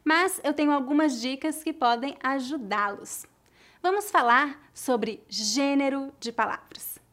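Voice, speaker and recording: A Brazilian woman with a Brazilian Portuguese accent gives a slow, clear language lesson, carefully enunciating and spelling out each word. She repeats example words so learners can drill them. Her voice is high and fairly bright, delivered at a measured pace.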